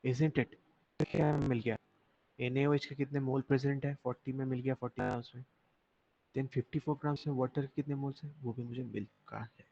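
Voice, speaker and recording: A young man teaching chemistry in an online class, explaining slowly and repeating himself while he quizzes his students. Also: medium pitch, fairly even intonation, gravelly, mellow. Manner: slow, repetitive explaining, mixing Hindi and English, asking students questions. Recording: dull lo-fi audio with faint noise.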